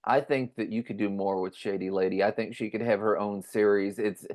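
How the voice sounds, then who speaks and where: A man's voice: fairly low pitch, steady tone, a little fast, a little mellow. A man hosting a podcast, chatting casually and rambling with eager restarts. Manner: rambling, restarts, enthusiastic fan talk. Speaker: podcast host. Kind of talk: casual chat.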